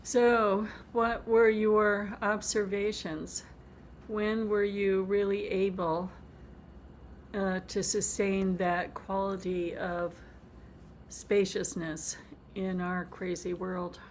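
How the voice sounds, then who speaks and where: A woman teacher leads a group reflection and asks open questions at an even pace. Her voice is gentle, and faint noise sits behind it. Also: mid-range voice, slow. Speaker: teacher leading a group discussion.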